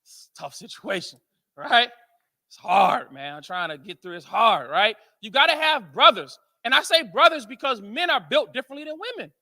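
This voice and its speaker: A man's voice: very high-pitched, moderate pace. An American man giving a motivational speech at a men's conference, telling stories animatedly and often checking in with "right?". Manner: animated storyteller, keeps asking "right?". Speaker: conference speaker.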